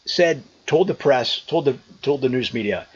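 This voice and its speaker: A man's voice: medium pitch, lively intonation, moderate pace, breathy edge, highs cut off. An American man chatting casually and telling a story to his vlog viewers in an amused, conversational manner, outdoors. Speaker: vlogger. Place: outdoors on a trail.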